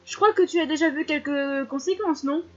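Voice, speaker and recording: A woman's voice: high-pitched, fairly quick, a little mellow, lightly acted. A woman reading as a cryptic male spirit guide. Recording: slightly muffled, faint music behind.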